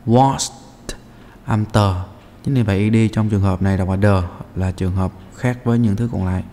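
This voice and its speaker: A man teaching a practice test, his voice sitting fairly low. He explains each answer step by step and pauses on hesitant fillers between points. The recording carries a long room reverb over faint background ambience. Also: fairly even intonation, mellow, a little hiss or hum. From Vietnam. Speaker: English teacher. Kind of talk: walking through test answers.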